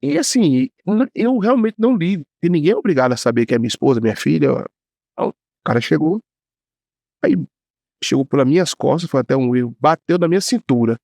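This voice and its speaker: A man who works as a police commissioner, telling a story casually on a podcast in an animated, slangy way. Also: fairly high pitch, fast, no room sound, clean studio sound.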